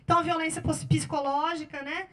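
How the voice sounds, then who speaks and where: A Brazilian Portuguese-speaking woman, a public defender, giving a workshop lecture with slides and telling cases in a lively way, often ending with "né?". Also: high voice, quick pace. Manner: lively storytelling with frequent "né?" tag questions.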